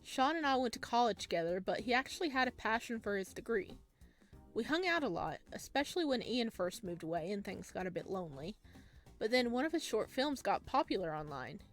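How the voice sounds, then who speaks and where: A woman with a medium-pitched, very animated voice talks a little fast as she plays a visual novel. She reads the lines aloud and acts them out, reacting in a chatty, informal way, like a casual let's play with commentary. Faint music plays in the background.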